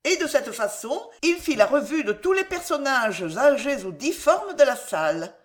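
A woman narrating a classic novel in a measured, storytelling manner. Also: sits high, sing-song. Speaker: audiobook reader. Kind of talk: literary narration.

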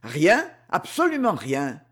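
A man's voice: fairly high pitch, wildly swooping pitch, takes it slowly, fairly bright tone, heavily acted. A man reading aloud, voicing a proud, touchy young man who answers in clipped, brusque replies. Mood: curt.

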